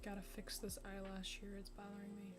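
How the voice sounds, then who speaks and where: A woman streaming while she draws, chatting casually and murmuring soft asides to herself. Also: mid-range voice, monotone, a little fast, over music. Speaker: art streamer.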